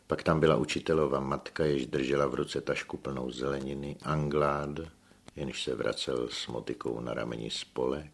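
Very deep gravelly male narrator. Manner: steady storytelling. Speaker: audiobook narrator. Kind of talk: scripted narration.

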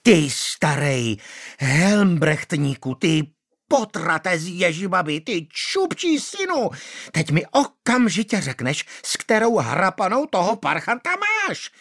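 A man's voice: big pitch swings, a bit bright. A man doing a shrieking furious widow. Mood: shrill, scolding. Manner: scolding, shrill, insulting. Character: shrieking, furious middle-aged widow, woman. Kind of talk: audiobook character voice.

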